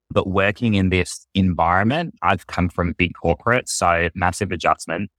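Australian male guest, very deep, dry close sound, long measured explanations. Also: fairly bright tone, dry recording. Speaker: podcast guest, futurist. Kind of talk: casual interview talk.

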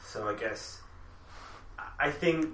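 A man jokes wryly with his co-hosts in a bright, tense voice. The room is echoey, with a faint hiss of noise behind him. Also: medium pitch, slow. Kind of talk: casual chat.

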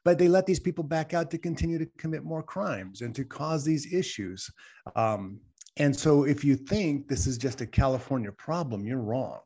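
His voice is warm and medium-pitched, with a breathy edge and a normal speed. Co-hosting a talk show, the man makes his point emphatically in casual, opinionated talk, leaning on rhetorical questions and a recurring "right?"

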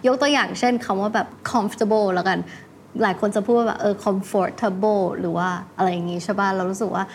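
Young woman host, slow and relaxed, casual and full of fillers, faint room hum behind. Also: mid-range voice. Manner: switches between Thai and English, heavy use of "like" and "you know". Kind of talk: casual language-learning tips.

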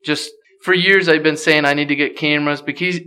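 Chatting casually on a podcast, a guest from Pennsylvania keeps things easygoing and leans on lots of "you know" fillers. His voice sits a little high and steady, moving a little fast, with a pushed, bright, clean tone.

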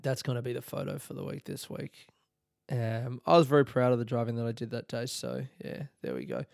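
A young Australian man chats on his own, rambling loosely with plenty of swearing and bursts of enthusiasm. His voice is smooth and clear, recorded close and dry with no room sound, and sits at a middling pitch. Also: animated, fairly quick, darkish tone, dry recording. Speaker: podcast host. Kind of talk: casual solo chat.

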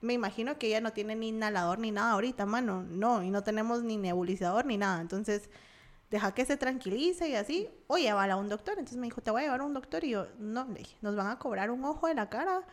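A woman's voice: on the high side, fast. A young woman from Guatemala with a Guatemalan Spanish accent, telling a personal story as a podcast guest and acting out the voices of the people in it. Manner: animated, acts out quoted voices. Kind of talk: casual storytelling.

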